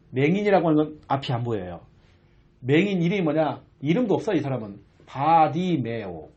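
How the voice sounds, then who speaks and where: Male pastor, forties, husky voice, lively swinging pitch, church sermon. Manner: animated preaching with acted-out shouts.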